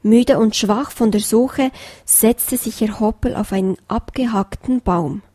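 Woman reading a children's story aloud, slow and gentle, fairly high voice, dry close sound. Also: dry recording. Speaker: reader.

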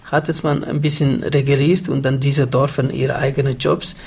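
Gravelly Somali-accented man, halting. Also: medium pitch, little pitch movement, darkish tone. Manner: halting non-native German, many fillers. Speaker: interview guest. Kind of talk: radio interview answers.

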